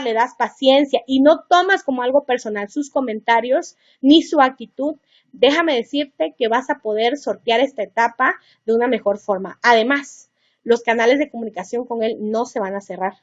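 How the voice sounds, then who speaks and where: A woman's voice: on the high side, animated, moderate pace. A middle-aged woman leads a parenting seminar, chatty and earnest, speaking straight to the parents listening. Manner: chatty, earnest, advice-giving, talks to the listener directly. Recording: dull lo-fi recording.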